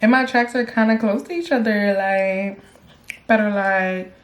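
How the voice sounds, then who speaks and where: Young woman doing a hair tutorial, talks kinda slow, chatty and confident with her viewers. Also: mid-range voice. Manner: chatty, self-assured, talks to viewers as y'all. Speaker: beauty vlogger. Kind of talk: casual hair tutorial talk.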